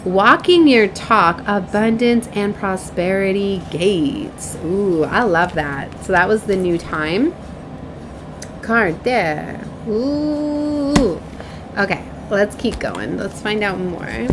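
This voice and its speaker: A woman hosts a spiritual card reading, reading oracle messages aloud with solemn, declarative, mystical phrasing and adding casual asides. Her mid-range voice has lively intonation and an unhurried pace. There's background noise.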